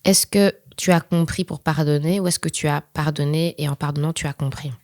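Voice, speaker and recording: A woman hosts a casual podcast and interviews a close friend. She is lively and jumps in with quick interjections. Her voice sits low and sounds dry and close to the mic. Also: no room sound. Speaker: podcast host.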